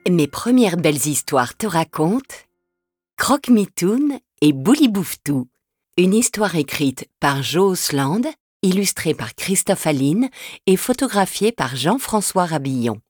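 A woman narrating a children's audiobook in an expressive, sing-song way. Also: lowish voice, a little slow, husky, no echo, clean studio sound. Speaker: storyteller.

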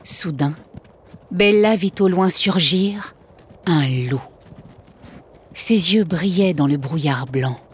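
Slow, expressive woman storyteller. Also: lowish voice, slight background noise. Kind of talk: children's audiobook narration.

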